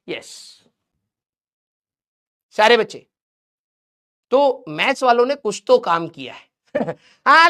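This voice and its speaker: A man's voice: very high voice, fairly bright tone. A man teaching a live online class, chatty and teasing, joking with his students between lessons. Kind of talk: casual live-class banter.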